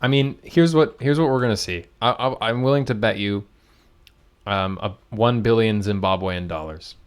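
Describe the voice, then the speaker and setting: A man doing lively, joking commentary on a strategy game match. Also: fairly low pitch, normal speed, clean tone. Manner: excitable, joking. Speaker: caster. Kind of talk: esports commentary.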